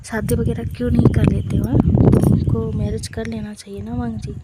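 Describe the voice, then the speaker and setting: A fussy old uncle nags and pesters his nephews in a plain, fairly level voice, as a woman narrator puts him on. The pitch barely moves. Loud noise runs under the recording. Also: little pitch movement, normal speed, natural voice. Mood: nagging. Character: fussy elderly uncle eager for grandchildren.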